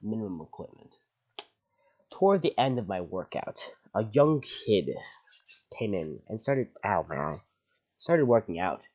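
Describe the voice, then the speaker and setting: Low-voiced man reading posts aloud. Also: sing-song, measured pace, a little mellow, muffled recording. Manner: sarcastic asides between readings. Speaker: channel host.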